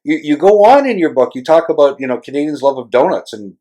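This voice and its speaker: A man with a slightly high, expressive, warm voice talks fast as he hosts a casual podcast interview with a travel writer. He rambles and hesitates, slowly working his way up to long questions.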